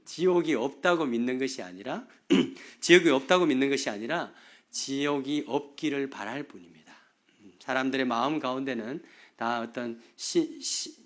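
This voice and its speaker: A middle-aged male pastor preaching a sermon, asking the congregation rhetorical questions. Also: mid-range voice.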